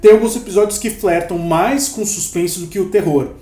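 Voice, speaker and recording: Brazilian male reviewer, high-pitched voice, colloquial and opinionated, recorded in an echoey room. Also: moderate pace, mellow. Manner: opinionated, colloquial, explains by examples. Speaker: podcast host reviewing a horror series. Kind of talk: casual spoken review. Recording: roomy, echoey sound.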